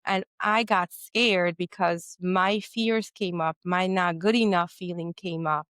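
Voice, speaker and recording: A woman's voice: fairly low pitch, fairly even intonation, takes it slowly, fairly bright tone, clear, resonant tone, no room sound. A woman from Guyana hosting a podcast interview, talking reflectively with frequent fillers and restarts. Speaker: podcast host. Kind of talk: conversational interview.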